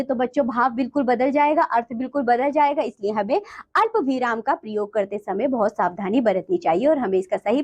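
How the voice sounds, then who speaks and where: A woman teaching a grammar lesson to children in a patient, explanatory way. She keeps calling the class "children" and stresses her example sentences to show how their meaning changes. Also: high-pitched.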